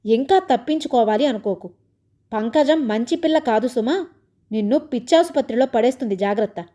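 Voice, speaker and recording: Sulky suspicious young husband in a storybook, sarcastic grumbling; a woman reads the part, mellow voice. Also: a little high, lively intonation, normal speed, natural voice. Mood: scolding. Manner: complaining, sarcastic.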